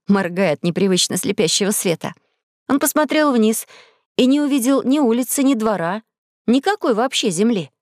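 A woman reading a children's audiobook as the narrator, telling the story clearly and evenly in a studio. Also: fairly high pitch, dry recording. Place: recording studio.

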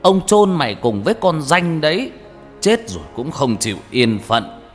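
A man's voice: on the high side, sing-song, normal speed. A man voicing a brutal, menacing old man who snarls coarse threats, in an audiobook with reverb and background music. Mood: snarling threat.

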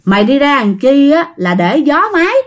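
A woman voicing an old, quick-tempered mother who scolds her son. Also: sits high, big pitch swings. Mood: scolding.

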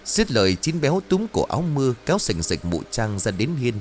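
A man narrating a ghost story in an expressive, dramatic reading style. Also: mid-range voice, brisk, a little hiss or hum.

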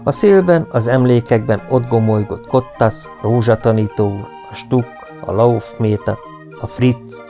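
A man reading a novel aloud as an audiobook narrator, expressive and following the story. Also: mid-range voice, faint music behind. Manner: expressive, rises and falls with the story. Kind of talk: scripted narration.

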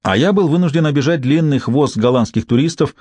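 A man's voice: a little high, expressive, fairly quick, a little mellow, slightly rough, no echo. A man narrating a first-person audiobook in a dry, ironic storytelling manner.

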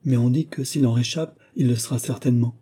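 A man's voice: medium pitch, fairly even intonation, brisk, dark tone, breathy edge, pitched above the performer's own voice, close to an everyday voice. A man voicing a chatty, gossiping village innkeeper woman in an audiobook. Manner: gossipy, talkative.

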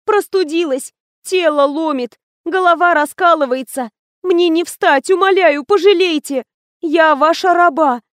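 A woman's voice: very high-pitched, unhurried, no room sound, studio quality, pitched above the performer's own voice. Woman putting on a whiny fake-sick young woman. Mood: pleading whine.

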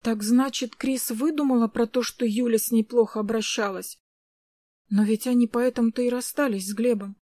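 Woman audiobook narrator, slightly high, dry close recording. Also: fairly even intonation, moderate pace, dark tone, dry recording. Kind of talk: first-person audiobook narration.

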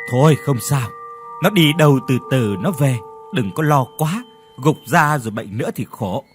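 A man plays a worried middle-aged village father in a ghost story. He speaks earnestly and pleads, his voice rising and falling in a lively way. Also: medium pitch, normal speed, faint music behind, lightly acted.

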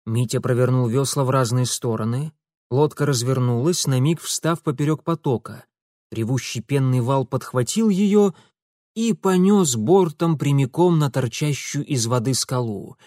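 A man's voice: medium pitch, normal speed, a little mellow, dry recording, clean studio sound. A man reading an adventure story aloud with dramatic, rhythmic storytelling. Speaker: audiobook narrator. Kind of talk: scripted audiobook narration.

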